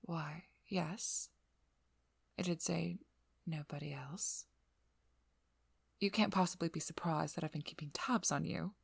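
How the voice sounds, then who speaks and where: Teasing and coolly controlling, a female performer plays a devious, alert vampire hunter in a scripted ASMR roleplay aimed at the listener, shifting from flirtatious to businesslike. She uses an exaggerated, lowish, breathy voice that is playfully domineering, with a steady tone, slightly slow pace and frequent pauses. The mood is cool and probing, and the recording is very dry.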